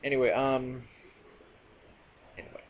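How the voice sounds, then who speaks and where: Speaking at a relaxed pace in a mid-range voice, a man gives a rambling, casual recap of a film the way a reviewer might. He often backtracks and leans on fillers. Faint noise sits under the dull, lo-fi sound.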